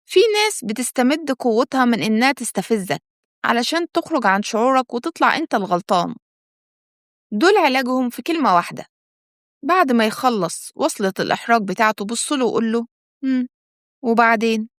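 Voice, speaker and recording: A woman with an Egyptian accent, reading a scripted self-help talk in a calm, measured way and speaking straight to the listener. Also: on the high side, no echo, clean studio sound. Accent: Egyptian Arabic. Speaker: self-help channel host. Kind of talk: scripted motivational narration.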